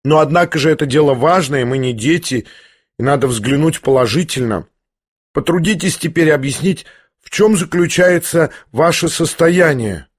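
A man's voice: a little high, normal speed, slightly rough. A man voicing a proud young noblewoman who questions sharply and mockingly. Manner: imperious, pointed questioning.

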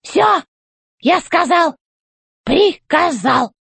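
A woman voicing a rusty, creaky male robot chief who barks orders in a squeaky voice. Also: expressive, extremely slow, fairly bright tone, no echo, full character voice. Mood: pompous commanding.

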